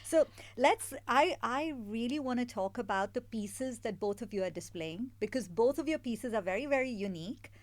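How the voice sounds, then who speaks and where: A woman's voice: on the high side, lively intonation, normal speed, few pauses. Upbeat woman hosting a podcast. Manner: warm, upbeat, laughs often. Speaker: podcast host. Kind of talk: casual interview chat.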